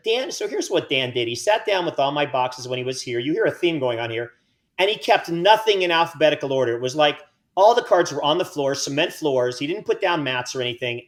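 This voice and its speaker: A man hosting a podcast in a loose, chatty way, full of teasing and self-mockery. His voice sits a little higher than most men's. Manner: joking, self-mocking banter. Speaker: podcast host. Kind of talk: casual podcast chat.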